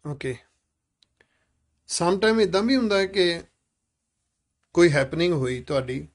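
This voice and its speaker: A man's voice: sits high, lively intonation, a little slow. A man leading a live classroom discussion with children, asking many questions and urging them to speak up.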